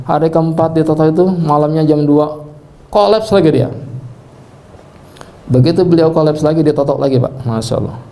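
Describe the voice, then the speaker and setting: Man, religious healing trainer, live talk to an audience, gravelly, warm dark tone, animated storytelling, devout exclamations. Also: a little high, normal speed, pauses often. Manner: animated storytelling, often addresses listeners directly. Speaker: Islamic healing trainer and preacher. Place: indoor training session with an audience.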